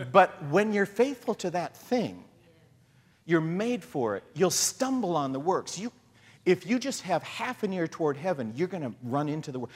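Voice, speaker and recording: A middle-aged man preaching a sermon in a lively, conversational way, acting out the voices he quotes. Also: a little high, husky. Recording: long hall reverb.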